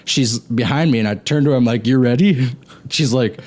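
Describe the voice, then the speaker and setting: A young man co-hosting a gaming group's talk show chats casually, telling rambling stories and swearing freely. His mid-range voice is a little mellow and a little fast.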